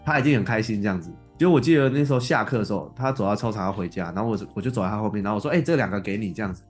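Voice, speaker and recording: A man, telling a story in casual chat as a podcast co-host. He is lively and mimics his younger self. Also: fairly low pitch, rapid-fire. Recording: faint music in background.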